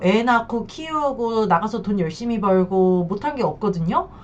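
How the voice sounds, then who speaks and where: A woman's voice: on the high side, dull audio. A middle-aged woman counselor giving blunt, fiery advice, swearing at times and acting out the voices she quotes. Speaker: infidelity and divorce counselor.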